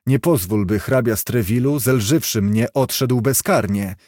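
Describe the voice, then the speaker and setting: A man's voice: mid-range voice, normal speed, a little mellow, dry recording, studio quality, close to an everyday voice. A man voicing a brave, dignified young boy knight who speaks firmly and earnestly in a storybook reading. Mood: defiant. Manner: firm, earnest.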